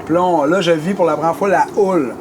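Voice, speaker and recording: A man with a Québécois French accent tells a long story in casual chat, animated and rambling, full of fillers and restarts. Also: on the high side, quick pace, a crowd in the background. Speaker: musician telling a story.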